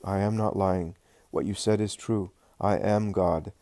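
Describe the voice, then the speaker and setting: Guy reading jesus, calm and solemn, lowish voice, dry sound. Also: dry recording. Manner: measured, solemn.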